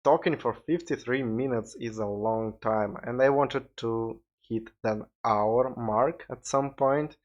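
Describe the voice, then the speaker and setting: A man's voice: mid-range voice, fairly even intonation, slow pace, few pauses. A man with a Russian accent hosting a casual solo podcast, rambling loosely and sounding tired. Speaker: podcast host. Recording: dull lo-fi audio.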